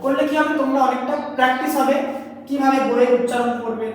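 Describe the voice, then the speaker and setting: A woman teacher giving a grammar lesson to schoolchildren in a classroom, explaining slowly and repeating herself as she spells out letters. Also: sits high, steady tone. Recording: echoey hall, far from mic, faint noise.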